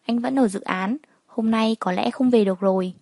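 A woman's voice: fairly high pitch, normal speed, darkish tone, no echo, clean studio sound. A woman voicing a curt, dismissive young husband.

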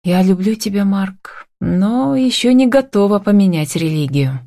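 A woman reading an audiobook and voicing a lively, emotional young heroine in love who exclaims readily. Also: mid-range voice, measured pace, gravelly, no room sound, studio quality, pitched above the performer's own voice.

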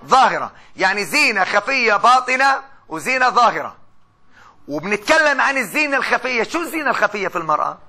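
A middle-aged man from Gaza lectures his class with a Palestinian Arabic accent, his voice pitched high, bright and sharp. He moves at a brisk clip in a chatty way, tossing questions at the students and answering them himself. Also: very animated. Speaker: university lecturer. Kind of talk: university lecture.

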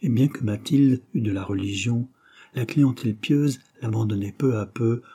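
A man narrating a classic novel as an audiobook reader, in a measured, literary way. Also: medium pitch, warm tone, slightly rough.

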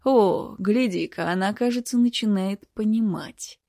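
Woman reading a calm, menacing male doctor. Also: medium pitch, unhurried, dry recording, clean studio sound. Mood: mocking. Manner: calm, mocking. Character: cold, menacing middle-aged male doctor.

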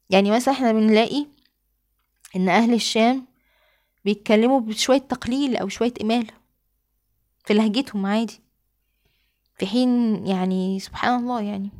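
A woman with an Egyptian accent giving a lecture on Quranic readings, moving between casual explanation and slow, drawn-out recited examples. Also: medium pitch. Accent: Egyptian Arabic. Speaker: Quran sciences teacher.

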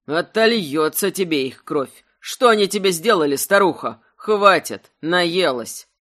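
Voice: mid-range voice, lively intonation, unhurried, fairly bright tone. A narrator voicing a fierce, bitter young werewolf man who snarls and mocks. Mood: mocking. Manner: snarling, mocking. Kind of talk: audiobook character voice.

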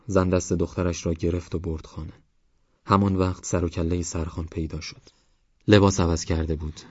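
Man, audiobook narrator, very deep voice, calm measured reading, slightly dull recording. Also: dry recording.

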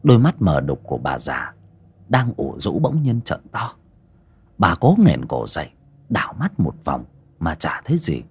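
A man narrating a ghost story in an expressive storytelling way. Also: low voice, moderate pace, slightly rough. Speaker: audiobook narrator.

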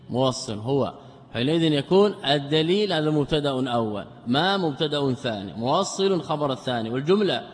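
A man's voice: medium pitch, in a large hall. A man teaching Islamic jurisprudence, quoting scholars, repeating key phrases and asking his students questions he then answers. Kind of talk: lecture explaining a text.

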